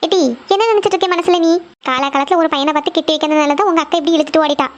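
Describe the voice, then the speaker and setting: A woman's voice: high voice, steady tone, racing, lightly acted. A woman voicing a strict middle-aged mother, scolding and lecturing her daughter.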